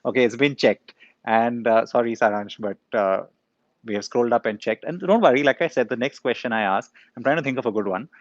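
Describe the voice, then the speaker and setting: A man's voice: medium pitch, a little fast, no room sound, lo-fi sound. A middle-aged man, answering viewers' questions in a live session, conversational with frequent ums and uhs. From India. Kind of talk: live Q&A, casual explanation.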